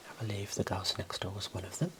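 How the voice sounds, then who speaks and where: A man speaking in a soft, breathy whisper, giving an unhurried ASMR tour of his book collection. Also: on the low side, lively intonation, noisy background. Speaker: host showing own book collection.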